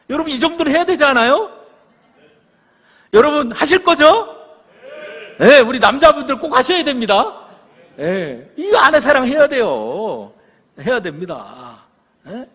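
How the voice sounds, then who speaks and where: A middle-aged man gives a parenting lecture to a church audience, his voice husky and pitched fairly high. He tells stories with lively swings of pitch, acting out the quoted lines and asking for agreement. The sound carries a long reverb from the hall.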